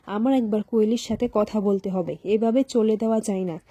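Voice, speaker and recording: A woman's voice: medium pitch, fairly even intonation, a little fast, mellow, slightly rough, dry recording, close to an everyday voice. A woman doing a worried young niece. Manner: worried, scolding.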